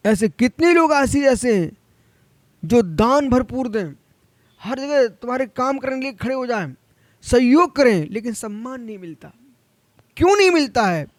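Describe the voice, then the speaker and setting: A man with a notably high voice delivers a monk's sermon, scolding and exhorting his listeners directly. His pitch climbs on emphatic points, and the sound is dry and close, with no room echo. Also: expressive, moderate pace. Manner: admonishing, addresses listeners directly. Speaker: Jain monk.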